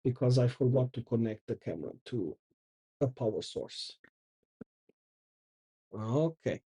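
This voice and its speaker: A middle-aged channel host from Porto, Portugal, whose first language is Portuguese, leads a casual live coding session, reading out commands and thinking aloud. His voice is very dark and slightly husky, a little slow, with a lively pitch that rises and falls.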